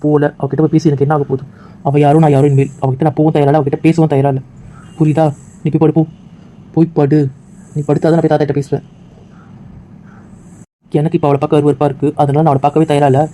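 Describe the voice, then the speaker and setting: A man plays a firm young man in an amateur audio drama who insists on and repeats his orders. He talks fast, in a dark, flat voice pitched a little high for a man. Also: natural voice, poor audio. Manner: insistent, commanding, repetitive. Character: firm, protective young man, bitter and controlling.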